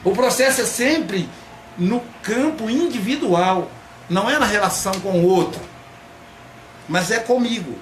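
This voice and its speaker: A man, a psychoanalyst, giving a reflective spoken talk and drawing out key words slowly for emphasis. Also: high voice, animated, a bit bright. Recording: echoey room, faint background noise.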